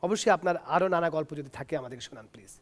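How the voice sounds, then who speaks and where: A man's voice: on the high side, very fast. A man hosting a TV talk show, introducing his guest in a polite, formal way. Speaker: host.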